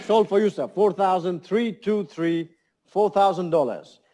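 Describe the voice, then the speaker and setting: High-voiced male fine art auctioneer. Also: measured pace, noisy background. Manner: polished, courteous, repeats prices in a steady patter. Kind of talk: live fine art auction calling, running bids and prices. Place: saleroom with seated bidders and phone lines.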